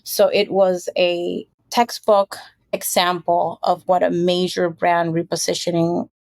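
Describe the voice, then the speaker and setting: A woman from Puerto Rico, a marketing executive guest, telling stories in a chatty, relaxed interview. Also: lowish voice, unhurried, no echo. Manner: chatty, storytelling, frequent fillers. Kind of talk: casual interview.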